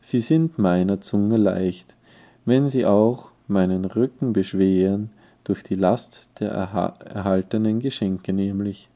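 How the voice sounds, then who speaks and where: A man's voice: lowish voice, fairly even intonation, slow, mellow. A man reading a physician reciting verse. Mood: solemn. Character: grateful male court physician reciting verse.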